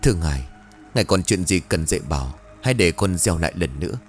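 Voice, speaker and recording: A man voicing a stern, gruff old village sorcerer in a ghost story. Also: low voice, animated, fast, faint music behind. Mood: solemn. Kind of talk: audio ghost story reading.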